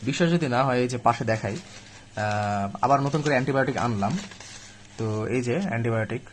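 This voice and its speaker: A young man teaches admission students grammar in a live online class, chatty and direct even though illness has left him weak and speaking slowly. His voice is medium in pitch and he talks fast, with slight background noise.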